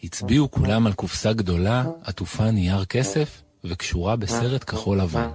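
A man radio host reading a children's story aloud in an animated storytelling manner. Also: fairly low pitch, breathy edge, dry recording. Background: music.

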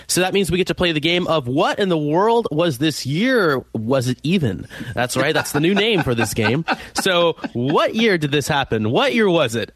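A man's voice: mid-range voice, fairly bright tone, dry recording. A man co-hosting a radio show in a light, chatty style with joking, playful patter. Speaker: radio co-host.

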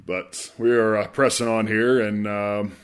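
Male podcast host, deep voice, stuffy-nosed with a cold, halting sports chat. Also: little pitch movement, clear, resonant tone. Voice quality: congested, stuffy nose from a cold. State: congested with a cold. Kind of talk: casual sports podcast talk.

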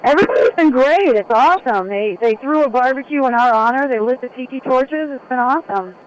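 A tired woman chatting excitedly over a crackly long-distance phone line, swearing casually as a radio show regular calling in. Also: high-pitched, a little fast. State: tired from no sleep.

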